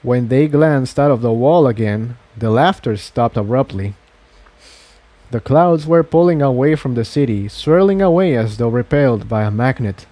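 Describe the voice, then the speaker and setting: A man reads adventure fiction as a dramatic audiobook, his mellow, mid-pitched voice full of animated intonation. He moves at a moderate pace, and the sound is dry and close with no echo.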